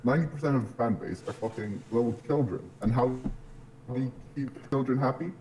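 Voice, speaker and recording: A male podcast guest talking through a deep voice changer in casual, blunt chat, swearing constantly. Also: a little fast, warm tone, a little hiss or hum, poor audio. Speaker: guest streamer.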